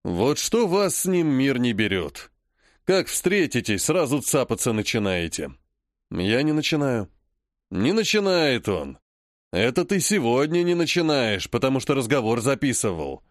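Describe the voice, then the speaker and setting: A man voicing a grumbling old grandfather, the head of a noble clan, who speaks slowly and scolds. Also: mid-range voice, sing-song, dry recording, studio quality. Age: over 60. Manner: slow, grumpy, scolding.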